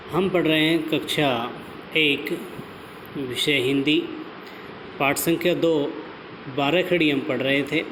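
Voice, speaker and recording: A man teaches young pupils in an online class. He speaks slowly, recites syllables one at a time and explains them patiently. The recording is roomy and echoey, with a faint hum behind him. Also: fairly high pitch. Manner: slow, careful syllable-by-syllable recitation. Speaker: schoolteacher. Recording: echoey room with faint background noise.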